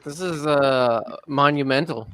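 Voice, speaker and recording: A man co-hosting a live stream, making wry, halting comments and reading chat aloud. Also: medium pitch, a bit bright, slight background noise. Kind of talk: casual commentary over a broadcast.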